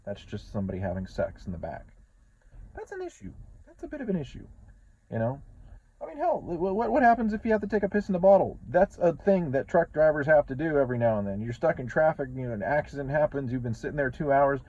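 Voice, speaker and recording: A man's voice: medium pitch, sing-song, fast, a little mellow, muffled recording. A man, a truck driver, talking casually in a rambling vlog, repeating words and swearing often.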